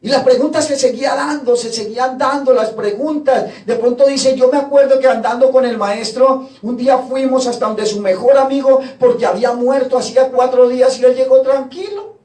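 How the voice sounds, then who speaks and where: A man's voice: very high-pitched, normal speed, a little mellow. A man preaching a sermon, retelling gospel scenes and voicing the people in them. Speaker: pastor. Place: church hall. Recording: echoey church from far off.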